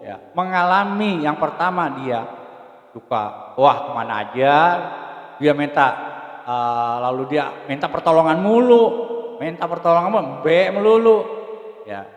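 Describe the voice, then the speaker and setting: A man giving an informal, joking religious talk, swinging from loud to hushed. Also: on the high side, measured pace. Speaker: preacher. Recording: roomy hall with long reverb.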